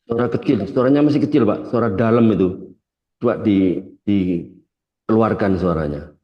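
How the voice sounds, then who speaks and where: A man's voice: on the low side, normal speed, dull audio. A man preaching a sermon over a video call, speaking emphatically and often tagging "ya" onto his lines. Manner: emphatic, repeats "ya".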